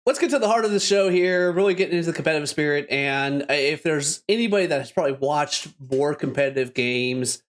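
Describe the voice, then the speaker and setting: Canadian guy hosting a game podcast, upbeat, laughs a lot, slightly high voice. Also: lively intonation, quick pace, hardly any pauses. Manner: upbeat, laughs often, loose restarts. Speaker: podcast host. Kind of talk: casual podcast chat.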